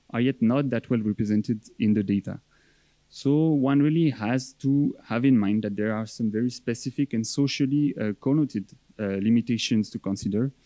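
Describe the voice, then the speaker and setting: A young man giving a conference presentation as an academic researcher, explaining in a measured, hesitant way. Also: mid-range voice, mellow, no room sound.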